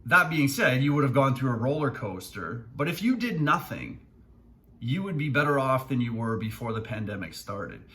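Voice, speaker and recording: A man who works as a financial advisor, talking casually to camera with frequent ums and plain, steady explanations. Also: medium pitch, moderate pace. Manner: relaxed, many fillers, plainspoken. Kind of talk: casual video commentary.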